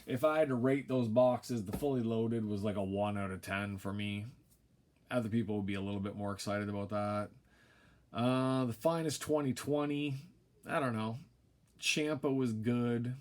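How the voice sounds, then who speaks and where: A man's voice: mid-range voice, fairly even intonation, moderate pace. A tired man casually commentating a trading card break at night, droning and mumbling with wry, rambling asides. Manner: wry, rambling, self-deprecating. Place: home room at night.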